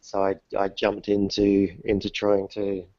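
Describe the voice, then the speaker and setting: Answering casual interview questions, this man in his thirties, born in New Zealand and raised in the UK, halts often, restarting and using fillers while poking fun at himself. He speaks in a lowish, monotone, mellow voice. The online call line sounds dry, dull, and lo-fi, with no echo.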